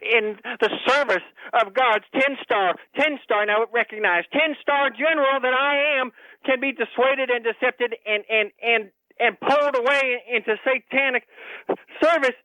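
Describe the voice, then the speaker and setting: A male caller rants in a stammering, zealous way on a call-in radio show, his voice high and strained. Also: moderate pace, sharp tone, no echo. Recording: tinny phone line.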